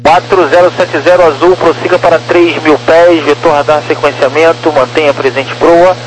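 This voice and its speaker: A man's voice: a little high, steady tone, normal speed. Male controller on noisy radio. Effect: two-way radio. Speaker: air traffic controller. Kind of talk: procedural radio phraseology, like police radio. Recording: noisy aviation radio channel with hum.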